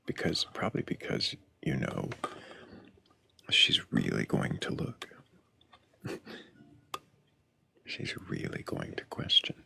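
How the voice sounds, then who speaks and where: A man's voice: very deep voice, wildly swooping pitch, takes it slowly, gravelly, pauses often, sharp tone, breathy edge. A man hosting a casual live chat show, joking in a mock-serious way. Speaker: host.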